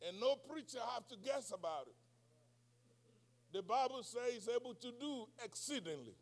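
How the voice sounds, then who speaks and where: A male pastor with a very high, sing-song voice preaches a sermon at a normal speed in English, which isn't his first language. He swings from soft, quiet passages to shouted call-and-response preaching.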